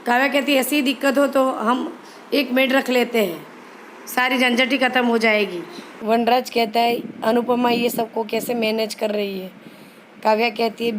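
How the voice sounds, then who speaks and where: A somewhat high-pitched woman casually recaps a TV serial episode. She reads each character's lines aloud without acting them out, in a flat, even voice, and often stumbles and restarts mid-sentence. A faint hiss sits under her voice. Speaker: channel host recapping a TV serial.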